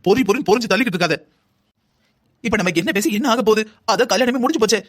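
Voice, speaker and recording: A voice actor playing a patient, stern father-in-law in a cartoon drama, reproving in a measured way. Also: sits high, background noise, natural voice.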